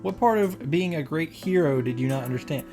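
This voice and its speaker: Over music, a woman with a low voice and lively intonation talks briskly as she reacts to a visual novel. She reads along with casual sarcasm and throws in profane asides.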